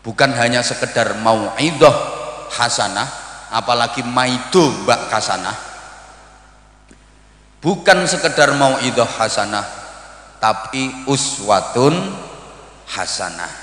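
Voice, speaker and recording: A middle-aged man with an East Javanese accent giving a humorous sermon to students, lively and switching into Javanese asides. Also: mid-range voice, slow, pauses often. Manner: lively, mixes Javanese asides, acts out greetings in varied voices. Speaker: Islamic preacher. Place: large hall at a boarding school event. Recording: echoey hall, live sermon.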